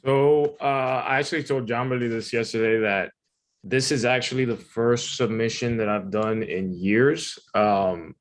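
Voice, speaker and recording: A man's voice: mid-range voice, unhurried. A man reading his own personal essay aloud in a conversational, informal way. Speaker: writer reading own submission.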